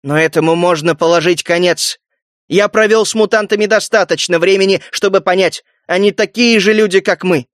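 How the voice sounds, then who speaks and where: A man's voice: high-pitched, normal speed, dry recording, clean studio sound, close to an everyday voice. A man voicing a persuasive, commanding emperor addressing a crowd in an audiobook.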